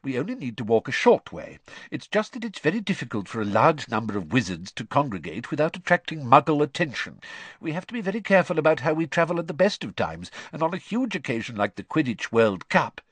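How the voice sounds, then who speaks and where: Sex: man. Figure: a man playing a cheerful middle-aged father. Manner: chatty, matter-of-fact, lively. Quality: slightly husky. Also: fairly high pitch, fast talker, dry recording, pitched above the performer's own voice, full character voice.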